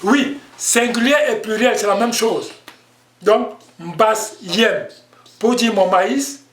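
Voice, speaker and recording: A man with a high voice teaches a language lesson at an unhurried pace, patiently repeating his points. The sound is echoey, as if recorded in a bare room. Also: fairly bright tone. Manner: slow, patient explaining with repetitions.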